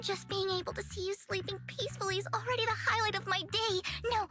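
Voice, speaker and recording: A woman's voice: very high voice, steady tone, fast talker. An actress voicing a sweet, devoted young woman in a video game, who speaks formally and gushes with adoration. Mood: adoring. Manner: formal, gushing, breathy-sweet. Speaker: game character. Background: game music.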